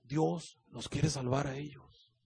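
Calm soft god voice, mexican accent, kinda husky, man doing it. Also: a little high, slow pace, voice pushed down, heavily acted. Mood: gentle reasoning. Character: patient, gently reasoning God speaking to a prophet.

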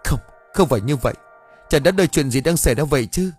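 A man plays a grieving mother in a ghost story, her cries shrill and panicked. The voice swoops up and down. Soft music plays underneath. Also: expressive, normal speed, natural voice. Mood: frantic wailing. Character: frantic grieving older mother, wailing.

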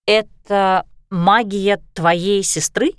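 A woman reading a storybook, voicing an earnest, careful young heroine in a steady voice. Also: mid-range voice, very slow, smooth, dry recording, clean studio sound. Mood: curious.

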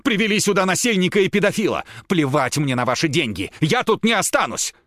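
Shrill hysterical young woman, as a man puts her on. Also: very animated, fairly quick, a bit bright, no room sound, clean studio sound. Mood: hysterical, shouting. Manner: shrill, screaming demands.

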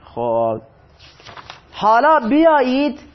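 A man with a fairly high voice teaches a grammar lesson. He goes through example sentences slowly and keeps asking his students questions, then answers them himself. The recording sounds dull and lo-fi. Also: wildly swooping pitch. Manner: reads Arabic examples slowly, then translates. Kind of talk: Arabic grammar lesson explained in Persian.

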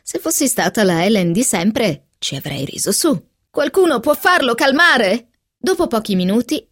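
A woman's voice: a little high, a little mellow, no echo, studio quality. A woman reading a novel aloud on radio, voicing the dialogue expressively. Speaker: reader.

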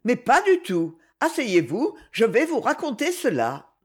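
A gentle, firm middle-aged governess, as a woman reads her in a storybook, her voice a little husky and lifting higher than the narration. She rises and falls with lively pitch. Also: a little slow, full character voice.

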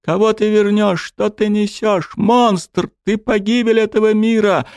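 A man voicing a hysterical, furious young woman who screams accusations in a shrill, drawn-out voice. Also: steady tone, a little mellow, clean tone, no echo, clean studio sound. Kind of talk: audiobook character voice.

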